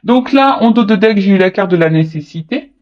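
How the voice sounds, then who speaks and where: A woman's voice: medium pitch, fast talker, muffled recording. Hesitant chatty woman reading tarot cards. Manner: hesitant, full of fillers and restarts, chatty and teasing. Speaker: tarot card reader. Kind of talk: casual tarot reading to viewers.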